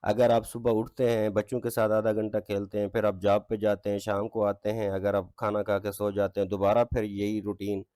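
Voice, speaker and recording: Guy teaching english, mellow voice, dry close sound, keeps asking if you got it. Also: on the low side, monotone, clear, resonant tone, no room sound. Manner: reads English lines slowly with stress, asks "ठीक है?" often. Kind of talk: explaining a textbook exercise.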